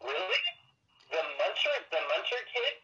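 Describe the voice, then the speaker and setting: A man playing a tabletop roleplaying game over a call, his voice thin and tinny like a walkie-talkie with no bass, halting and restarting as he thinks aloud. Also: very animated, vocal fry, bright, forceful tone. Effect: thin, tinny walkie-talkie-like sound with no bass. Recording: faint lo-fi mic far from the speaker.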